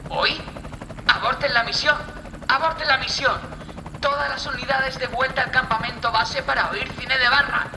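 A woman acts out a comically dim army sergeant in a radio parody, issuing military commands with drill-sergeant authority. The sound is roomy, with loud helicopter and gunfire noise around the voice. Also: high voice, steady tone, moderate pace. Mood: urgent commanding.

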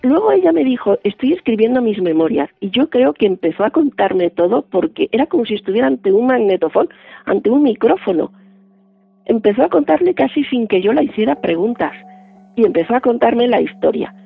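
High, gravelly man on a phone-like line. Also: very animated, a little fast, no room sound, faint music behind. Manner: vivid, acts out quoted dialogue. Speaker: guest. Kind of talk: radio interview storytelling. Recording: band-limited dry phone-like line.

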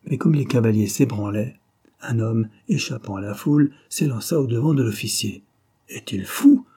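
A man reading a novel aloud as an audiobook narrator, in a steady, measured way. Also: medium pitch, breathy edge.

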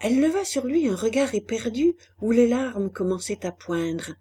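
A woman reading a novel aloud as an audiobook narrator, measured and expressive. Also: fairly high pitch, husky. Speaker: audiobook reader. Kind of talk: scripted narration.

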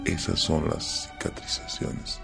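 A man voicing a wise, gentle old man who speaks slowly and solemnly. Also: very deep voice, wildly swooping pitch, creaky, over music, heavily acted.

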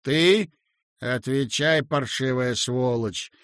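A man voicing a menacing young man with a cold, metallic voice who speaks slowly and deliberately, in a storybook reading. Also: mid-range voice, a bit bright, smooth, dry recording, studio quality. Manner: measured, menacing.

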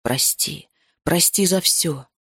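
Casting: woman doing a contrite young man, low and slow, murmured, with a dry, close sound. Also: gravelly, fairly bright tone, breathy edge, no room sound, exaggerated voice. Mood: remorseful, soothing. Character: remorseful young man, soft and pleading.

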